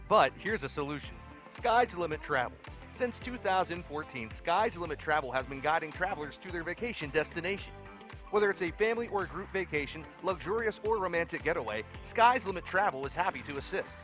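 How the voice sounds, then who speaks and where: A man reading a travel agency commercial in a measured, even delivery. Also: fairly high pitch.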